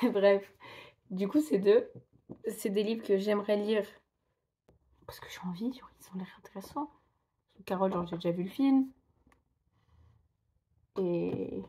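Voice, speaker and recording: Young woman chatting casually to camera, rambly, laughs at herself, medium pitch. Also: warm tone. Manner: chatty, rambling, self-mocking, filler-heavy. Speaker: book vlogger.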